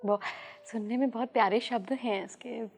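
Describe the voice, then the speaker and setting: A woman's voice: on the high side, fairly even intonation, moderate pace, creaky, darkish tone, faint music behind. A woman hosting a podcast, asking curious, respectful questions. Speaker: podcast host. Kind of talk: podcast interview.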